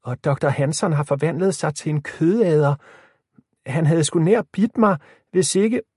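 A man's voice: on the high side, mellow, slightly rough, dry recording, studio quality, pitched above the performer's own voice. A man doing a brash teenage boy. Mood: urgent. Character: bold, reckless teenage boy.

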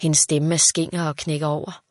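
Low-voiced woman reading a story. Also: level tone, a little mellow, no echo, clean studio sound. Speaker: narrator. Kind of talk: reading a children's story aloud.

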